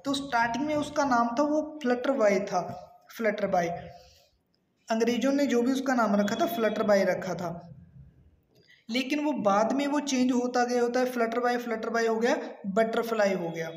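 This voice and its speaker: A man's voice: very high-pitched, normal speed, a little hiss or hum. Echoey man teaching pronunciation. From India. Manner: repetitive, with fillers and restarts, coaching tone. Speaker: English teacher. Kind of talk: pronunciation lesson for learners.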